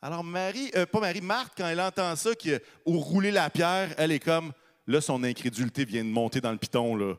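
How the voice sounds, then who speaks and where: A man's voice: a little high, a little fast, in a large hall. A man with a Québécois accent preaching a conversational sermon into a microphone, reading scripture and asking the audience questions. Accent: Québécois French. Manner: animated, asks the audience questions.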